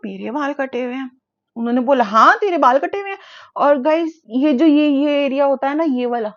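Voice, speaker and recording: A young woman vlogger telling a storytime in a casual, animated way, mixing Hindi and English with lots of fillers. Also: sits high. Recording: dull lo-fi audio.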